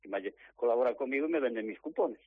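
A man, a lottery ticket seller, telling his story in lively detail and acting out the dialogue. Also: mid-range voice, fast talker, breathy edge, dry recording. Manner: animated storytelling, acts out quoted dialogue. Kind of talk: interview on the phone. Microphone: phone. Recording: dry phone line.

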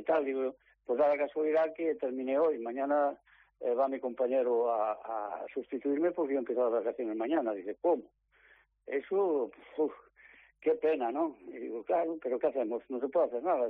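A man, a lottery ticket seller, telling his story in lively detail and acting out the dialogue. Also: medium pitch, dry recording. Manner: animated storytelling, acts out quoted dialogue. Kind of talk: interview on the phone. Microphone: phone. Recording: dry phone line.

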